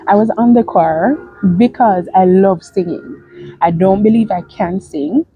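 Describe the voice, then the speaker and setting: Woman, young, husky, dry close sound, laughs often. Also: medium pitch, unhurried, no room sound, phone-quality sound, soft background music. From Jamaica. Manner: laughs often, animated storytelling. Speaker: co-host of a couple's channel. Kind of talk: casual chat.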